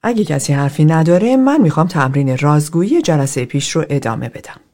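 A woman's voice: low voice, animated, dark tone. A woman reading as an earnest man confessing in a group. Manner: confessional, measured storytelling. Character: adult man in therapy group, earnest and self-exposing.

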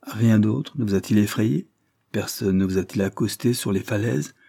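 Un homme qui lit joue un vieux lord sévère et soupçonneux qui interroge gravement sa nièce. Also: male voice, fairly low pitch, normal speed, vocal fry, dark tone. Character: stern elderly lord, suspicious and irritable.

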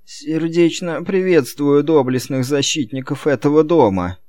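A worn-out, submissive old butler, speaking softly with a faint tremble, as a male narrator plays him. The voice sits above the reader's own but stays quiet, close and dry. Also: on the high side, unhurried, no echo, voice pushed up, natural voice. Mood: weary.

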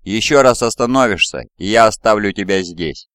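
A stern armored warrior-medic barks short, curt orders in a very low, smooth voice, as a man reading an audiobook puts him on. The recording is dry and close, with no room sound behind it. He sounds hard and commanding. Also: normal speed, no echo, close to an everyday voice. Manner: barked orders.

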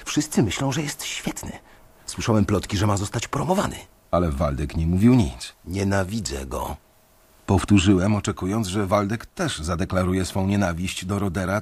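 Playing a disillusioned young male bank analyst, an actor gives measured, reflective first-person narration for a radio drama. His voice is low-pitched and expressive, darkish in tone, with a breathy edge.

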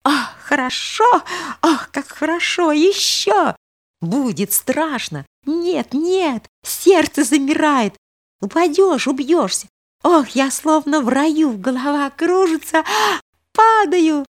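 Woman voicing a high, excitable young girl. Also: slow, full character voice. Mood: excited. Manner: breathless, pleading, high-spirited.

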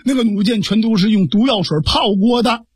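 A man's voice: high-pitched, brisk, breathy edge, no echo, clean studio sound. A male storyteller voicing a servile, captured informer who tells his news eagerly and fawningly.

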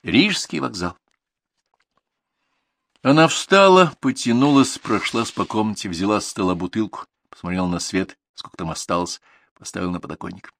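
A man narrating a contemporary prose audiobook in a measured, even storytelling manner. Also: fairly low pitch, gravelly, dry recording. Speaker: audiobook reader.

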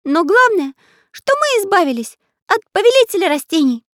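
A woman voicing a cheeky, excitable magic pencil artist in a children's audiobook, in a shrill, excited manner. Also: fairly quick, no echo, clean studio sound. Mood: indignant.

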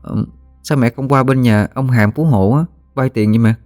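A man's voice: mid-range voice, normal speed, a little mellow, soft background music, voice pushed up, close to an everyday voice. A man doing a curious young girl. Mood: eager. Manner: eager, questioning. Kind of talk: storytelling.

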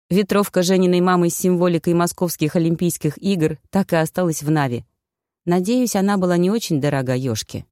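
Female audiobook narrator, low and mellow, dry close recording. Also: no echo. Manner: even storytelling, first-person heroine. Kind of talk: scripted first-person audiobook narration.

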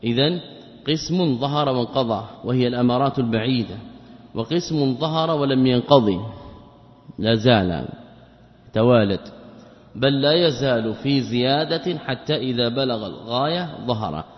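A man gives a religious lesson, explaining a classical text at a deliberate pace and restating his points with rhetorical questions. His voice carries a long reverb, like a big hall, and the recording sounds dull and lo-fi. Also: medium pitch, lively intonation. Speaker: Islamic scholar teaching a text.

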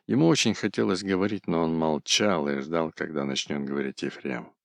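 A man narrating a classic story in a steady, measured reading. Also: rumbling low, vocal fry, dry recording.

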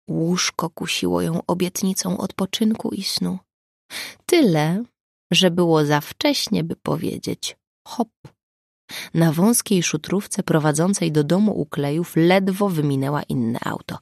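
A woman reading an audiobook in an expressive storytelling manner. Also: low-pitched, creaky, no echo, studio quality. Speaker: audiobook narrator. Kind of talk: scripted audiobook narration.

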